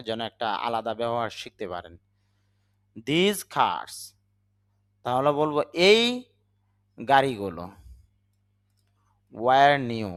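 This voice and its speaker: A man's voice: mid-range voice, a bit bright. A man with a Bangladeshi accent, a native Bengali speaker, giving a patient spoken English lesson and spelling words out letter by letter. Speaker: English teacher.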